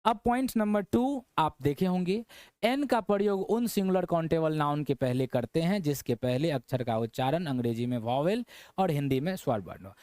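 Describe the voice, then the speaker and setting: A man's voice: fairly high pitch, moderate pace, darkish tone, no echo, studio quality. A man teaching an English grammar lesson to students. He repeats his points, keeps asking the viewer questions and checks in with "है ना". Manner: repetitive, checking in with "है ना" and quizzing the viewer. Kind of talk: classroom-style lesson.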